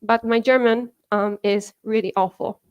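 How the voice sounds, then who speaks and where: The audio is dull, but the woman's slightly high voice comes through clear and resonant, with fairly even intonation and a moderate pace. She's from Japan, has a Japanese accent, and gives a chatty conference talk in a hall, heavy on "you know" and "like," laughing often.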